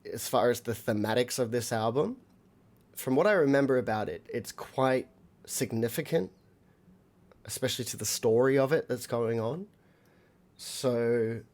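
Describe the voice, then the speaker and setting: A man's voice: medium pitch, a little mellow. An Australian man, a musician streaming a live album reaction, rambling with many fillers and talking to his viewers.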